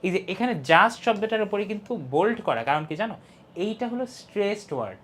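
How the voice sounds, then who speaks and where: A young man teaching an English lesson, explaining step by step, reading English lines slowly and stressing key syllables. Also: sits high, very animated, fairly bright tone, a little hiss or hum. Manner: explains step by step, often asks "ঠিক আছে?". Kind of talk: online class lesson.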